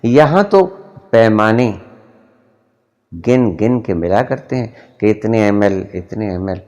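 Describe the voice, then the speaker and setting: A middle-aged man giving a spiritual discourse, deliberate and emphatic, his voice rising and dropping sharply to make a point. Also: fairly low pitch, animated, a little mellow. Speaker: spiritual teacher.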